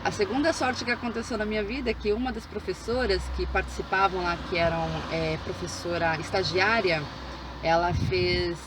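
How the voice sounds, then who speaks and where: A woman's voice: medium pitch, steady tone, normal speed, background noise. A woman, a mother chatting casually in her vlog, with many fillers and restarts. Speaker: vlogger, mother.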